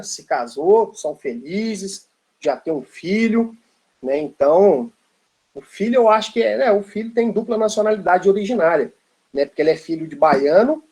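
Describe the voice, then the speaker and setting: High-voiced man lecturing playfully. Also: a little mellow. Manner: playful storytelling with repeated asides and tag questions. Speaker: law lecturer. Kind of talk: informal university lecture.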